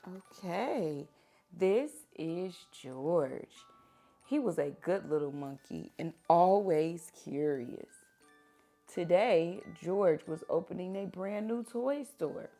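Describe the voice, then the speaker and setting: A woman with a lowish, gravelly voice reads picture books aloud to children. She uses an expressive, deliberate teacher's manner and prompts them with questions.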